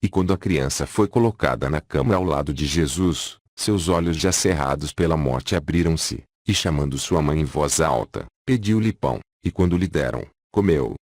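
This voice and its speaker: A man narrating an audiobook in a measured, solemn reading style. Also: very deep voice, lively intonation, darkish tone, dry recording, clean studio sound. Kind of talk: scripted narration.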